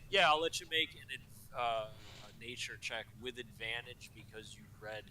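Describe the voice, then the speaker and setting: A man running a tabletop game as game master, improvising narration in a hesitant, halting way. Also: mid-range voice, bright, forceful tone, slight background noise, poor audio.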